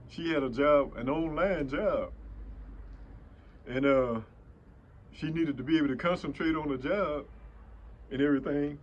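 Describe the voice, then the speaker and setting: Older guy vlogging, slow folksy rambling, lots of laughs and uhs, voice jumps around. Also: mid-range voice, dull audio. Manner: chuckling, rambling with many fillers and restarts; slow folksy preaching with scripture. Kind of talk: casual storytelling vlog.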